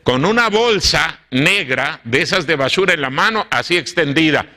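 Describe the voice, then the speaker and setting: A male pastor with a Mexican Spanish accent, preaching a story-driven sermon in a church and acting out the dialogue, moving between loud and hushed. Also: fairly high pitch, animated, moderate pace. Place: church sanctuary.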